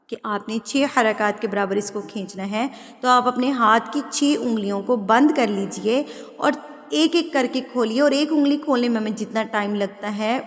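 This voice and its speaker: A woman teaching Quran recitation rules step by step, explaining patiently, checking that students follow and drawing out example words slowly. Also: fairly high pitch, big-room sound. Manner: switches into slow, drawn-out, louder recitation for examples. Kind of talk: step-by-step tajweed lesson.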